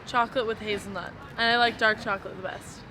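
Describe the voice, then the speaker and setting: A woman's voice: mid-range voice, fairly even intonation, fast talker, noisy background. A young woman from California, a student, giving short giggly answers in a street interview at an outdoor market.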